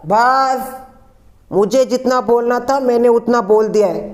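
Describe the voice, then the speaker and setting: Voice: medium pitch, a little slow, natural voice. Weary lecturing father-in-law, as played in a skit. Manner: lecturing, tired. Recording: echoey room, faint background music.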